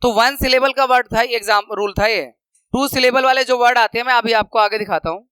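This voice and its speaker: A man teaching a grammar lesson, patiently explaining slides and slowly repeating example words. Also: extremely high pitch, bright, forceful tone, smooth, dry recording, poor audio.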